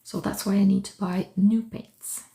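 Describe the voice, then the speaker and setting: A woman of medium pitch with a dark tone, vocal fry, and fairly even intonation talks at a moderate pace during a livestream. French is her first language, and she chats casually from her art studio, naming viewers and thinking aloud while working, with slight background noise.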